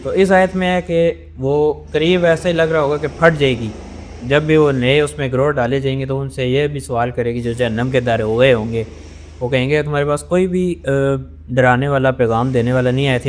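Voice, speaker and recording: A man with a Pakistani accent teaching an online Quran lesson, his pitch sitting in the middle range. He explains recitation rules patiently and drops into slow, careful recitation of each verse. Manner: explains in Urdu with English words, slows to recite verses.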